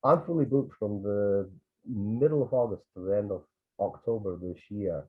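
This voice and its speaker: A Scottish man from Edinburgh, a tour guide and photographer, tells stories casually over a video call, rambling with many restarts and asides. His voice is lowish at a moderate pace, and the audio sounds tinny and phone-like.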